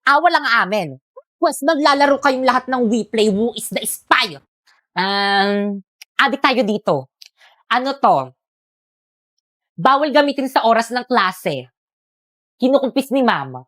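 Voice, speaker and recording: A woman acting in a comedic skit, exclaiming in a shrill way. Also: expressive, measured pace, pauses often, fairly bright tone, no room sound, studio quality.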